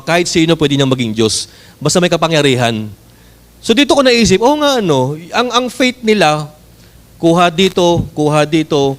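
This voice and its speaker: A Filipino man preaching a sermon, telling stories and reading scripture in English with a Filipino accent. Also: mid-range voice. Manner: mixes Tagalog with English scripture quotes, lively storytelling.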